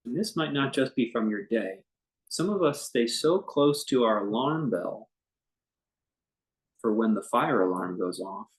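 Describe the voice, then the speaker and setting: A male teacher with an expressive mid-range voice guides a meditation on a low-quality recording. He speaks freely and conversationally, in gentle, faltering phrases with long pauses between them.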